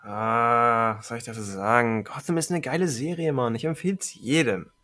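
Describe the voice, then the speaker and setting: A man's voice: medium pitch, steady tone, moderate pace, sharp tone. A man in a casual podcast chat, laid-back and offhand, often laughing with his friends. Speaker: podcast co-host.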